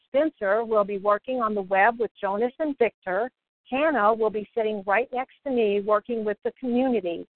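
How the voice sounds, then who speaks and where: A woman heard over a phone speaker, reading instructions aloud on a group call with halting pauses and fillers. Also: fairly high pitch, no echo. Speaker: meeting participant reading out instructions. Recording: tinny dry phone line.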